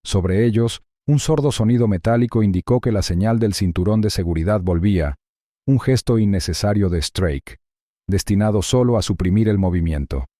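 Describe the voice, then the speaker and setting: A man giving measured, suspenseful scripted narration of a thriller story. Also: lowish voice, warm tone, dry recording, studio quality.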